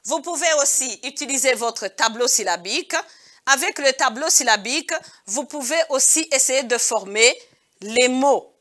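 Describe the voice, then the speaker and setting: A woman's voice: high voice, lively intonation, normal speed, fairly bright tone. A woman teaching kindergarten pupils in a recorded video lesson, speaking patiently and saying each word twice. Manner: addresses pupils as "mes amis".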